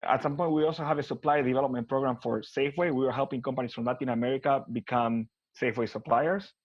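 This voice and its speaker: A business consultant with an Argentine Spanish accent, he talks fast as a guest in a casual interview, with a husky voice, ordinary pitch, and fairly even intonation. Unscripted and conversational, he often restarts and repeats words while thinking. The sound is dry, echo-free, and somewhat muffled.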